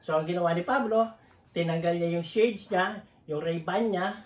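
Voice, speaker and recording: A woman's voice: fairly low pitch, normal speed. A woman preacher giving a sermon, telling a joking story to her congregation in a chatty, storytelling way. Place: church. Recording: roomy echo.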